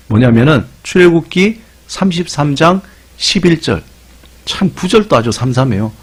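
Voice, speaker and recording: A man's voice: on the high side, husky. A middle-aged man, a pastor, preaching a sermon in a conversational way. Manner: conversational preaching with lively dialect imitations.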